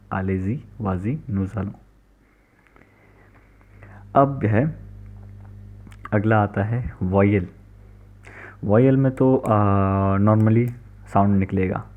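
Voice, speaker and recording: A man giving a recorded language lecture, explaining patiently and checking in often. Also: fairly low pitch. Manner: explains patiently, repeats "theek hai" often. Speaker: language teacher. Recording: tinny phone-like recording.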